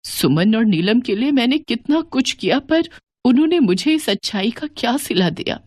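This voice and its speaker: A woman voicing a grieving widowed mother-in-law with a lower, slower, tearful delivery for an animated moral story. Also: no echo. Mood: remorseful, tearful.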